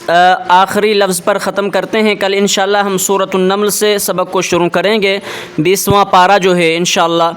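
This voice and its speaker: A man teaching Quran recitation, high-pitched with a smooth, resonant tone. He explains each word plainly, then recites it slowly and drawn out. He keeps checking in with his listeners by asking whether they follow. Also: fairly bright tone. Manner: checks in with repeated rhetorical questions. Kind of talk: tajweed lesson with slow recitation.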